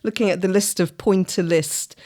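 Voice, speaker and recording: A woman with a fairly low voice chats and tells anecdotes on a podcast. She laughs her way through her stories. She is recorded around a dining room table at home. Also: fairly even intonation, normal speed, darkish tone. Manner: chatty storyteller, laughs mid-sentence. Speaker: podcast co-host. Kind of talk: casual chat, telling anecdotes.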